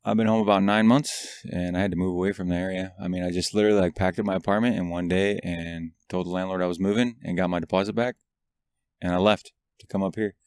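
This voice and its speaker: Man from Montana, low smooth voice, halting speech, outdoors. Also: steady tone, a little mellow. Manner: halting, many likes and restarts. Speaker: guest, army veteran. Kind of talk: casual storytelling. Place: outdoors in a parking lot.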